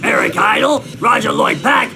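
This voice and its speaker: A man voicing an ancient, cranky Australian squatter who shouts and rants at everything in a video game, with a gravelly Australian accent. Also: very high voice, big pitch swings, normal speed, exaggerated voice. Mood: ranting. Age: older. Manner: shouty, grumbling old-timer rants. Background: game music.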